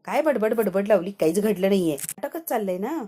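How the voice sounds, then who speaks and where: A woman's voice: mid-range voice, expressive, brisk, mellow, breathy edge. A woman voicing an exasperated young husband who brushes off worries. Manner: dismissive, exasperated.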